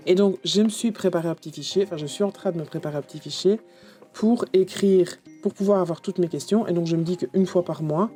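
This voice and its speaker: A woman talks casually about her journals and sketchbooks, chatty and self-mocking, with lots of restarts and fillers. Her voice is mellow and warm. Soft music plays faintly behind her. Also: on the low side, fast talker. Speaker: journaling vlogger.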